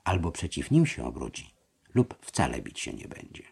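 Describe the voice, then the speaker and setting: A man voicing a weary, grave old grand master of a knightly order who speaks in measured, sighing tones. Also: a bass voice, huge pitch swings, gravelly, a little mellow, slightly rough, full character voice.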